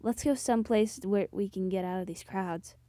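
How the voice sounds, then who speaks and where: A woman voicing a gentle, caring young man who talks softly and a little hesitantly, as she reads a dating game aloud. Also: mid-range voice, moderate pace, no room sound, studio quality, voice pushed down, natural voice.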